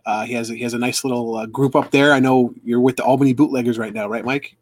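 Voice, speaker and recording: A man's voice: medium pitch, steady tone, fast talker, dry recording. A man hosting a casual live stream for a sports fan club, rambling with lots of fillers and restarts.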